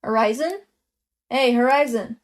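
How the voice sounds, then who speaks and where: A woman's voice: fairly high pitch, unhurried, close to an everyday voice. A woman voicing a condescending young woman who owns a company and scolds her employee. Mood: scolding. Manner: curt, scolding, superior.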